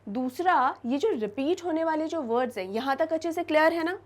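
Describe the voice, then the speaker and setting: A woman with a high voice teaches an English lesson to students. She explains in Hindi mixed with English and stretches out example words slowly. She repeats them for emphasis. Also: lively intonation. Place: classroom-style studio lesson.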